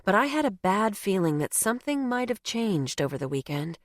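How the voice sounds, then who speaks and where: A woman's voice: mid-range voice, big pitch swings, moderate pace, no echo, studio quality. A woman narrating a novel in the first person, with a wry, conversational telling. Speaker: audiobook narrator.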